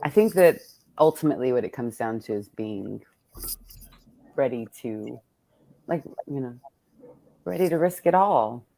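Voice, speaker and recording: A middle-aged woman, a poet hosting a virtual book event, talks in a casual, reflective way, thinking aloud candidly and often saying "like." Her very deep voice is gravelly, mellow and animated, unhurried with long pauses, and there's a little hiss or hum.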